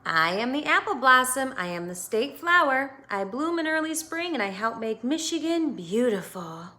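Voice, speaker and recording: An American teacher reads a picture book aloud to children with expressive, instructive delivery, stopping to ask her young listeners questions. Her voice is high, with a slight hiss or hum in the recording.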